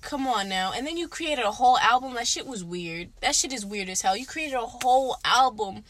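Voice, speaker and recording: Blunt, higher-pitched woman chatting. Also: lively intonation, a little fast, a bit bright, dry recording. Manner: blunt, emphatic, slangy, profane. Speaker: podcast co-host. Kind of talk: casual chat.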